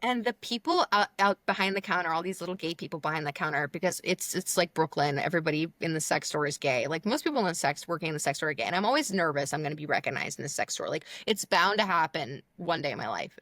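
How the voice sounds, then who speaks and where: A woman's voice: low voice, quick pace, no room sound. A young woman, a guest comedian, telling a story in casual chat, filler-heavy, and acting out the dialogue. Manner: animated, lots of "like", acts out dialogue.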